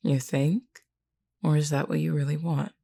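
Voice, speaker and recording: Playing a flirty, defiant werewolf woman who is wounded yet sure of herself, an actress uses a very low, gravelly, dark and mellow voice in an intimate roleplay. Her tone stays level but the voice is exaggerated. She teases the listener directly and bluntly, unhurried, calling them "hun."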